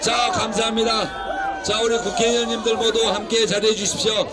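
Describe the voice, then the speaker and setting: A man emceeing an outdoor political rally, shouting introductions and leading chants. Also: high voice, level tone, moderate pace. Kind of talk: rally announcing. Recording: loud crowd noise outdoors.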